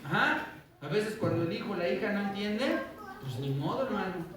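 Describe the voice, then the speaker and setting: Pastor preaching in an echoey church. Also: male voice, high voice, a little fast, far from the mic, crowd noise. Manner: animated storytelling, acts out quoted voices, asks "¿verdad?" often. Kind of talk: sermon.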